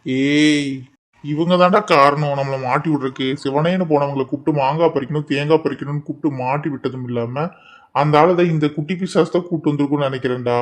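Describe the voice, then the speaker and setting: Brief: a performer as a cocky cartoon youth, mid-pitched, bickering and boastful. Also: steady tone, fast talker, close to an everyday voice. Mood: accusing. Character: brash young man, hot-headed and boastful. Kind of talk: cartoon voice acting.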